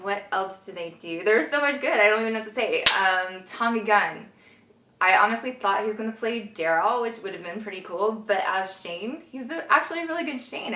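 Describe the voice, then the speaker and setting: Woman vlog host, bright tone, gushing, giggly, blunt, echoey room. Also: medium pitch. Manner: gushing, giggly and frank, swears freely. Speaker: review show host. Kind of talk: casual review vlog.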